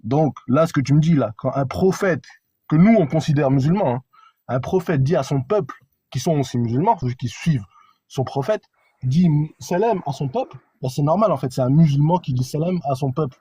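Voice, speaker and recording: Mellow husky man explaining his view. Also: fairly high pitch, expressive, fairly quick, no echo. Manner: explains patiently, tags points with "hein" and "ok". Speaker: debate caller. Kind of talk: live online religious debate.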